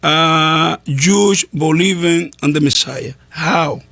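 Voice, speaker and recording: A man who is a pastor interviews a guest in halting, broken English. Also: on the high side, creaky, bright, forceful tone, no echo. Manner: halting non-native English, broken grammar.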